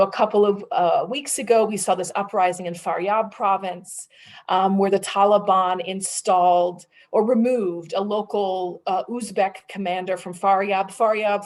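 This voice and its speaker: A woman's voice: medium pitch, a little mellow. A woman moderating a policy roundtable, talking conversationally with many fillers and restarts.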